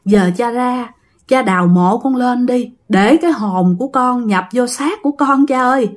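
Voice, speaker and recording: The ghost of a young man cries out again and again to his father, as a woman narrator voices him. The Southern Vietnamese voice stays fairly high and sounds hushed and far off. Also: normal speed, close to an everyday voice. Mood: imploring. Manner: repetitive imploring.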